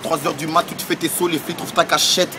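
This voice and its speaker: A man's voice: fairly high pitch, level tone, fast talker, music in the background. A man from Congo freestyle rapping on the street in a rhythmic, boastful flow. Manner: rhythmic rhymed delivery, boastful. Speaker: street rapper. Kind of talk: freestyle rap. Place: outdoors on a street.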